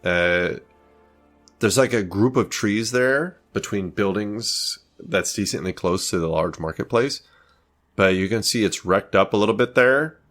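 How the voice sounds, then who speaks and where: A man working as game master, improvising tabletop narration in a casual, halting way. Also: lowish voice, fairly bright tone, faint music behind.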